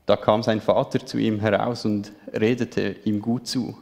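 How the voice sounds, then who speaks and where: Male reader with a gravelly voice, expressive Bible reading, reverberant hall. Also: on the low side, unhurried. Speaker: scripture reader.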